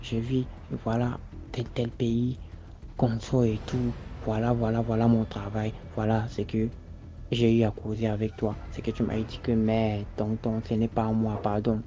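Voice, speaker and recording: A man with a Cameroonian French accent telling a first-person story casually, halting with many restarts and fillers. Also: medium pitch, completely flat delivery, dark tone, faint music behind. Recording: dull lo-fi audio with faint noise.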